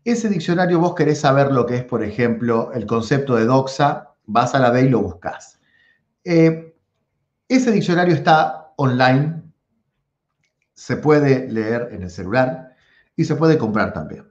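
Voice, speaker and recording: A man with a Rioplatense Spanish accent, a philosophy teacher giving a lively lecture and speaking straight to his viewers, often repeating words to stress them. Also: mid-range voice, a little slow, echoey room, muffled recording. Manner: animated, addresses viewers directly, repeats words for emphasis.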